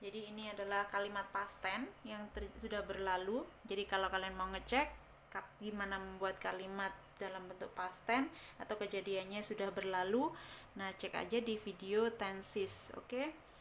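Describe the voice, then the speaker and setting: A woman giving a casual pronunciation lesson, chatty, slowly repeating words to demonstrate sounds. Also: mid-range voice, steady tone, fairly bright tone, slight background noise. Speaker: English teacher.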